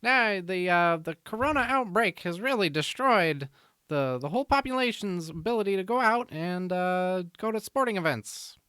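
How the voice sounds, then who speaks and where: A man's voice: high voice, lively intonation, sharp tone, clear, resonant tone, dry recording, pitched above the performer's own voice. A man doing a 1950s radio newsman. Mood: grandiose. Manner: brisk old-time announcer delivery. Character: 1950s male radio news announcer.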